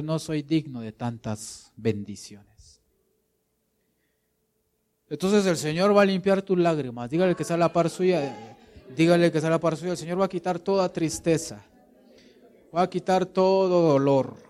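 A man's voice: medium pitch, dark tone. A man preaching a sermon as pastor, asking rhetorical questions and acting out quotes, rising to emphatic peaks. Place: church.

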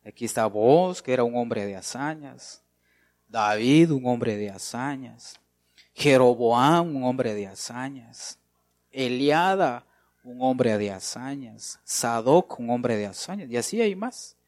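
A man's voice: mid-range voice, lively intonation, slow pace, darkish tone, no echo. A man preaching a sermon, emphatic, repeating his phrases and calling out to the congregation.

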